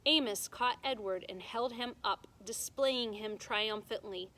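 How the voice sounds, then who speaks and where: A teacher with a slightly high voice reads a children's book to her class, pausing to explain things in a deliberate, expressive manner. The recording is rough.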